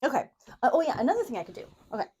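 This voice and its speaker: Her voice is high and slightly rough, a little mellow, with big pitch swings and rapid-fire delivery. She's a woman hosting a crafting video, giggling and putting herself down as she rambles through a casual brainstorm while sewing.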